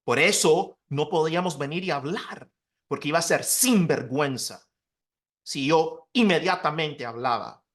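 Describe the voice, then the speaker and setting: Earnest soft-spoken pastor, man. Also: on the high side, a little slow. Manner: earnest, confessional, soft-spoken with emotional dips. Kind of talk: personal testimony in conversation.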